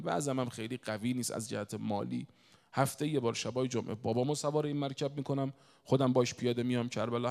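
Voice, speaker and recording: Humble young pilgrim son, earnest and gravelly, as a preacher tells him, in an echoey hall. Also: male voice, medium pitch, darkish tone, lightly acted.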